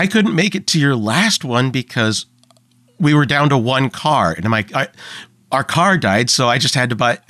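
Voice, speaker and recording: A man's voice: medium pitch, a bit bright, no echo. Forties male podcast host, loose rambling chat, dry close sound. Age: 40s. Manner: rambling, informal, swears casually, many fillers.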